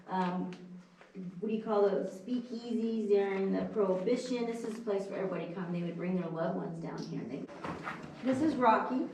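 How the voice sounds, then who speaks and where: A woman's voice: mid-range voice, dark tone. Echoing cave voice of a woman tour guide. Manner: chatty, folksy, asks the group questions. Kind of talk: informal spoken tour commentary. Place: inside a cave. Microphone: distant camera mic. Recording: echoing cave, distant mic, faint noise.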